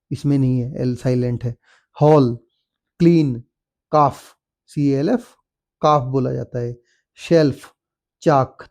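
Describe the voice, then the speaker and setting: A young male tutor working through a children's textbook lesson. He reads each English sentence aloud at a very slow, deliberate pace and then explains it. His voice sits a little high and sounds soft and mellow.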